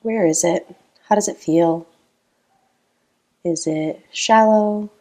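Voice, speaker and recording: Leaving long gaps between her phrases, a woman leads a guided meditation in an unhurried, gentle and calm way. Her voice is fairly low in pitch.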